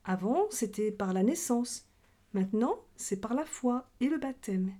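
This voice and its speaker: The speaker is a catechism teacher with a warm, expressive, slightly high voice and a measured pace. She walks children through a religion lesson in question-and-answer format, using simple explanations suited to young ears.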